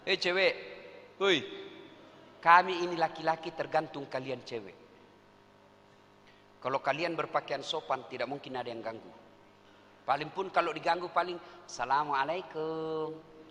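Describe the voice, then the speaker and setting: A man's voice: a little high, moderate pace, pauses often, sharp tone. A male preacher giving a comic sermon, joking and speaking directly to officials in the audience. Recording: echoey hall, faint noise.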